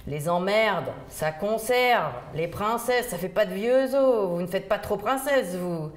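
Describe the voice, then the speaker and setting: A woman's voice: medium pitch, lively intonation, fairly quick, close to an everyday voice. A woman voicing a cheeky, streetwise old Parisian woman who talks in brash, salty banter. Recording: roomy echo.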